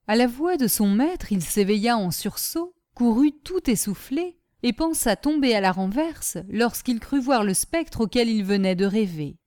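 Mellow-voiced woman narrating a classic tale. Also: a little high, expressive, dry recording, studio quality. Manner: measured storytelling. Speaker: audiobook narrator. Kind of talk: scripted narration.

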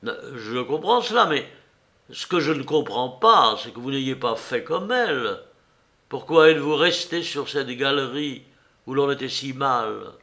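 A man voicing a severe police commissioner who questions a suspect sharply and loudly. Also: mid-range voice, animated, unhurried. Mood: stern. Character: stern, probing male police commissioner.

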